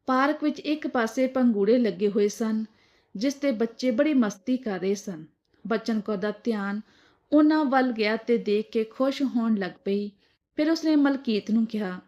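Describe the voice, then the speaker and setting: A woman narrates a moral story in a steady, plain way. Her voice sits fairly high. The recording has a dull, lo-fi sound. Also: normal speed.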